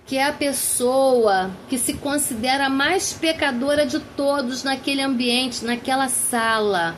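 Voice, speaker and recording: A woman giving a Bible lecture, earnest and slowing down to dwell on key words. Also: on the high side, a little hiss or hum, rough recording. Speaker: Bible teacher. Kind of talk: theology lecture.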